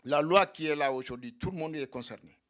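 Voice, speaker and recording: Speaking briskly in a slightly high, somewhat bright voice, a man makes a militant case for undocumented migrants. The setting is a solidarity evening in a meeting hall, where he repeats his points to fire up his comrades.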